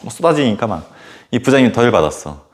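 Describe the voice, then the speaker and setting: A man who teaches middle-school history, telling a casual anecdote in a lecture with animated storytelling and lots of filler words. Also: medium pitch, quick pace, background noise. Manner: animated storytelling full of filler words and sudden acted outbursts.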